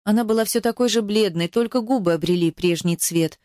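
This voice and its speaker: A woman reading a first-person audiobook in a steady, expressive storytelling manner. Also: medium pitch, brisk, dry recording, clean studio sound. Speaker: audiobook reader.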